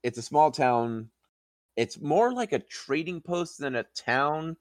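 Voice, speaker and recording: A man voicing a confused young male paladin noble, speaking slowly and haltingly. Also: a little high, animated, no room sound, studio quality, pitched above the performer's own voice. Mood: earnest. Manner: slow, halting, dazed.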